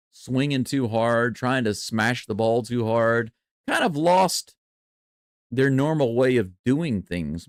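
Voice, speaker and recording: A man doing live baseball play-by-play and reaction in a chatty, excitable way. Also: mid-range voice, dry recording, clean studio sound. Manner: excitable, chatty, jumps from calm to loud cheering. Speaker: play-by-play streamer.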